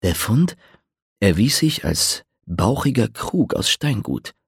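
A man narrating a fantasy audiobook in an expressive storytelling manner. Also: fairly low pitch, slow, gravelly, husky, no room sound, clean studio sound.

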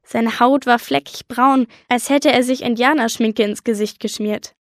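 A woman reading a children's story in lively first-person audiobook narration. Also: a little high, normal speed, no echo, studio quality. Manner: lively storytelling, voicing a young girl narrator. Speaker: audiobook reader.

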